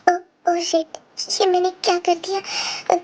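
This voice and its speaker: A woman's voice: extremely high pitch, level tone, a little slow, a little mellow, slight background noise. A woman reading a fan story aloud and voicing the big sister who scolds and then pleads.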